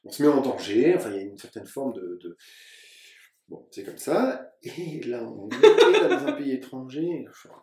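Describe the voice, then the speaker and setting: A man from France, an actor, telling lively anecdotes in casual conversation and acting out other people's lines. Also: mid-range voice, normal speed. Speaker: actor and guest. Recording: roomy sound from a distant mic.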